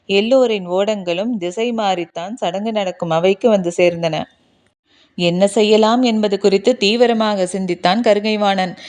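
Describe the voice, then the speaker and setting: A woman reading a historical novel aloud as an audiobook narrator, in a measured, formal literary way. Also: mid-range voice, darkish tone. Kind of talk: storybook narration.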